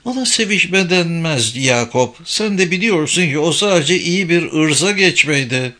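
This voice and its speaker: A man's voice: a little high, expressive, measured pace, sharp tone, pitched above the performer's own voice. A man reading an audiobook voices a confident young woman journalist who teases her companion. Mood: teasing, self-assured. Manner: teasing and self-assured.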